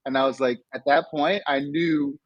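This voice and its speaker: A man's voice: on the high side, normal speed, dry recording, muffled recording. A man from Nigeria, an interview guest, telling his life story in a reflective, casual way with frequent restarts. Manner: reflective, frequent restarts, animated when recounting. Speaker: interview guest, digital entrepreneur.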